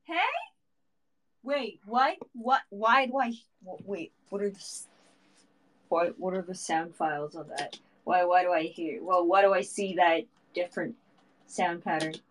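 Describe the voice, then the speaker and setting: A woman's voice: fairly low pitch, a little slow. A woman talking to herself while testing a broken microphone, frustrated and exasperated. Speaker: content creator testing a microphone. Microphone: studio microphone with phantom power.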